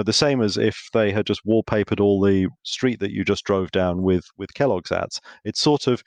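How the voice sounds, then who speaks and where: A man, a podcast guest, explaining marketing in a relaxed way and acting out short dialogues as he tells anecdotes. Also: mid-range voice, dry recording. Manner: lively storyteller, acts out little dialogues. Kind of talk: conversational explaining.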